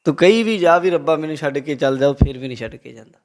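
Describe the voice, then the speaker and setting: A man's voice: fairly high pitch, fast. A man with a Punjabi accent giving a religious talk, preaching and telling a story to a congregation. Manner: lively, quotes the Guru and tells a story to the congregation. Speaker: Sikh preacher.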